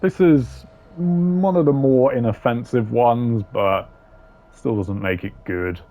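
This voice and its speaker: This man's voice sits at medium pitch and sounds slow and mellow, with dull audio. He's a gaming video creator offering blunt, slang-heavy, informal opinions while ranking game voice lines.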